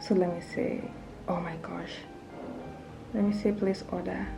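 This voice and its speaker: A woman's voice: on the low side, level tone, measured pace, gravelly, music in the background, rough recording. A young woman vlogging casually, thinking aloud, nervous and often dropping to a whisper. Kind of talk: casual vlog narration.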